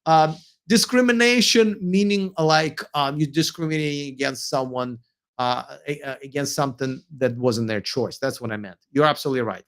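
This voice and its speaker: A tired Russian streamer, speaking with a Russian accent late at night, works through viewer comments and answers them amid many hesitations, restarts and fillers. He has a fairly high, slightly bright voice at normal speed.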